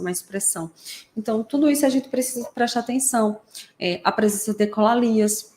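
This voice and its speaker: A woman hosting a podcast who explains things in a relaxed way. She often adds tag questions and acts out short examples. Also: medium pitch. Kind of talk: casual explanatory podcast talk.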